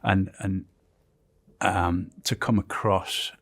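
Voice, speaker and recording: A man with a deep, low-pitched voice talks casually. He moves haltingly through his thoughts, often pausing to find the next word. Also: fairly even intonation, fairly bright tone, breathy edge. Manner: halting, searching for words.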